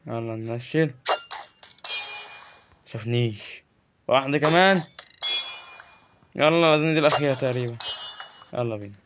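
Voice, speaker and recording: A man's voice: mid-range voice, normal speed, pauses often, heavy background noise. A man with an Egyptian Arabic accent giving casual Let's Play commentary, chatty and joking, talking back to the game's creatures. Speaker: gaming YouTuber.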